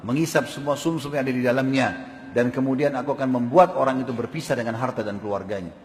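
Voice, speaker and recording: A man voicing a grave that speaks, stern and grim, declaiming loudly in a sermon parable. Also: mid-range voice, quick pace, a little hiss or hum, lightly acted. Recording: long hall reverb.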